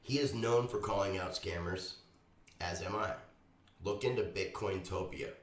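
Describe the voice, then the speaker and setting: A hoarse man hosting a show, reading his intro carefully and earnestly from prepared notes while recovering from a lost voice. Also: low voice, moderate pace. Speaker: host. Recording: echoey room, voice far from the mic.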